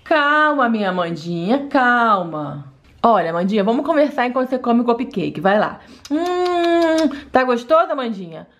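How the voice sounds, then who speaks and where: Woman playing a gentle, coaxing mother. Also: on the high side, very animated, normal speed. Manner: coaxing, soothing, repeats the child's name. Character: gentle patient mother of a doll girl. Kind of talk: doll play storytelling.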